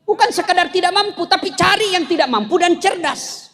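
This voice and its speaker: Man, islamic preacher, high voice, humorous sermon, animated storytelling. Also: brisk.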